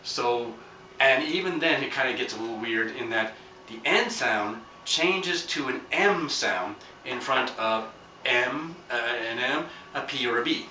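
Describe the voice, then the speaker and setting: A podcast host teaching Japanese gives a casual spoken lesson that rambles and jokes, full of fillers and asides. His mid-range voice has lively intonation, a slightly slow pace, and a pushed, bright quality. The recording is roomy and distant from the mic, with a faint background hum.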